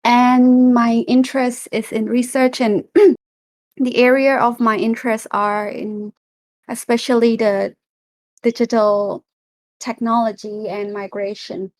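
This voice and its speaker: A woman's voice: on the high side, flat delivery, slow, a little mellow, no echo. Young woman from myanmar introducing herself, dry close sound, a few ums. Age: young adult. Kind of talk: self-introduction in a panel.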